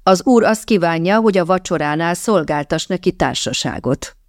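A woman's voice: lowish voice, sing-song, a little mellow, no echo, clean studio sound. A woman voicing a stern older aunt who keeps house, scolding and giving firm commands.

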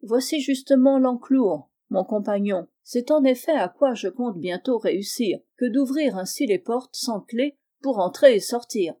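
A woman's voice: a little high, unhurried, hardly any pauses, warm tone, lightly acted. A woman reading the lines of a cunning male sorcerer who sermonizes in a lofty, wordy manner, in an audiobook of a classic tale. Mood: scheming.

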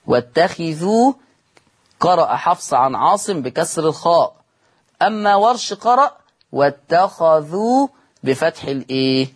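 A man with an Egyptian accent teaching Quran recitation rules in a televised lesson, repeating key points and asking his students questions he then answers himself. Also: a little high. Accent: Egyptian Arabic. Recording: studio broadcast.

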